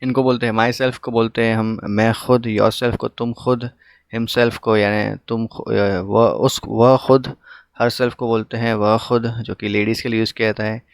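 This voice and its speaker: A man explains English grammar in a low, level voice that hardly rises or falls. He keeps a steady teaching pace and fills pauses with short hesitation sounds. The recording is close and dry, with no room echo. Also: creaky. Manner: steady explaining tone with frequent "अ" fillers. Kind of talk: recorded online grammar lesson in Hindi.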